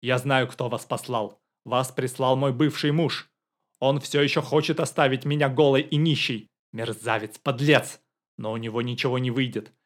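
A man's voice: mid-range voice, normal speed, natural voice. A man reading an audiobook, voicing a furious, bitter middle-aged woman who shrieks her complaints. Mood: indignant. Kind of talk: audiobook character voice.

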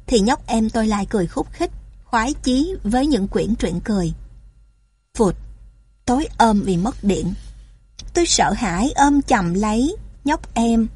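A woman's voice: a little high, darkish tone, breathy edge. A young woman narrating a playful first-person story.

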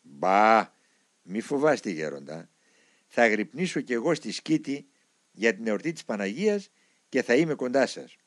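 A man voicing a cheerful middle-aged male publisher who speaks in a brisk, reassuring way. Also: medium pitch, very animated.

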